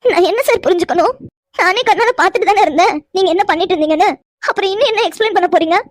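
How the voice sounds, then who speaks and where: A woman plays a young cartoon heroine who is heartbroken and furious, firing accusing questions at her lover. The voice is very high and rattles along at a racing clip. It is dry, close and free of room sound. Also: racing, no echo. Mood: hurt. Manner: accusing, tearful, insistent questions. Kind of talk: cartoon voice acting.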